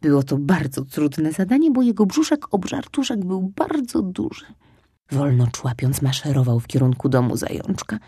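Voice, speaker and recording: Husky woman reading a children's story. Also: deep voice, normal speed, no echo, studio quality. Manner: lively, soft and expressive, at times whispered.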